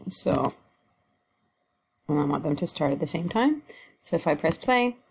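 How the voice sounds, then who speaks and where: A middle-aged woman hosting a casual software walkthrough, talking informally and thinking aloud as she clicks through each step. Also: sits low, animated, measured pace, vocal fry, breathy edge. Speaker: tutorial host.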